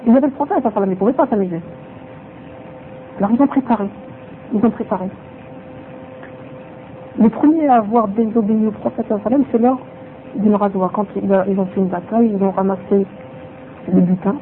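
This religious teacher's high-pitched voice runs fast and pauses often as he gives his lesson. He repeats points for emphasis and drops in Arabic phrases. A tinny, phone-like recording carries faint noise.

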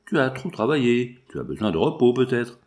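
A man's voice: mid-range voice, big pitch swings, brisk, darkish tone, natural voice. A man voicing a sly, scheming male cousin who feigns concern. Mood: feigned worry. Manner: sly, falsely solicitous.

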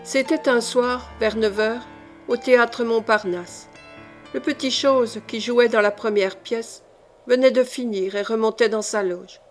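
A woman narrates a classic novel in a measured, careful audiobook reading. Her voice sits a little high for a woman, and she tells the story clearly and steadily. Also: fairly even intonation, soft background music. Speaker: audiobook reader.

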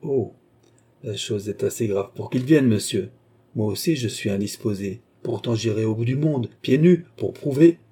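A man's voice: fairly low pitch, moderate pace, mellow, breathy edge. A man reading an audiobook, voicing a proud, furious queen with indignant, imperious outbursts. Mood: desperate. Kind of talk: audiobook character voice.

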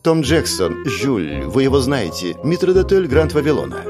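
A tearful, frightened young woman, as a male narrator puts her on in a higher voice, pleading and swearing she tells the truth. Her storybook lines play over faint music. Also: wildly swooping pitch, normal speed.

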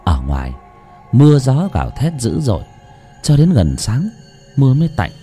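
A man's voice: mid-range voice, huge pitch swings, moderate pace, dark tone, faint music behind. A man narrating a horror story dramatically.

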